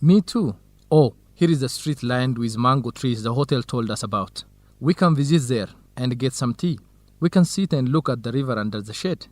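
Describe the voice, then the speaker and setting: In an educational radio drama, an Ethiopian-accented actor voices a tidy, polite researcher who grumbles mildly and explains matters at a measured pace. The pitch is medium with lively intonation, the voice natural and free of echo, and the mood helpful and practical.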